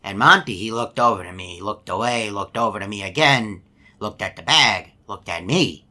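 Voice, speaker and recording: An actor playing a folksy, long-winded, gullible hippo animatronic in a video game, telling stories in a polite, meandering way. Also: male voice, on the low side, normal speed, sharp tone. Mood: genial, reminiscing. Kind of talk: video game character monologue.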